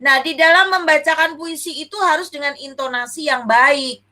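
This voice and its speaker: A woman's voice: high-pitched, fairly even intonation, normal speed, sharp tone. A young woman teacher, teaching a children's class, affectionate and calling her pupils dear, asking questions and answering them herself. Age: young adult.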